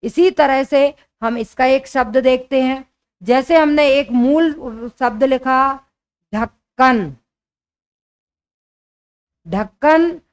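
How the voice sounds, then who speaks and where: A high-voiced young woman teaches an exam-prep grammar lesson. She speaks slowly and deliberately, repeating each key point so it sticks. Her delivery is patient and explanatory.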